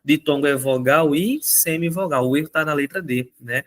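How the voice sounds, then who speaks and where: A man's voice: on the high side, normal speed, fairly bright tone. A male teacher who talks through exam answers in a chatty way. He keeps checking in with his students and his voice rises and falls a lot. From Brazil. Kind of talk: recorded exam answer walkthrough.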